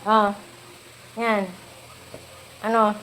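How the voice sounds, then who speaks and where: A feverish, unwell Filipina woman vlogs casually at home, coaxing her cat in playful baby-talk and giggling often. Her medium-pitched, somewhat bright voice barely varies and moves extremely slowly, and the audio is poor.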